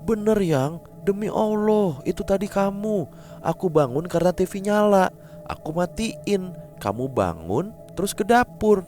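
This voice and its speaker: A scared young wife pleads in a tearful, insistent voice pitched far above the man's own, as a male narrator puts her on. Her high, urgent lines sit over soft music in a storytelling recording. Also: fairly quick, close to an everyday voice. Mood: pleading.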